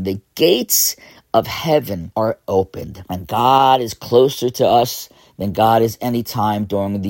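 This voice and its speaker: A hoarse man hosting an inspirational religious radio show, speaking earnestly and repeating phrases for emphasis. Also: lowish voice, darkish tone, no room sound, studio quality.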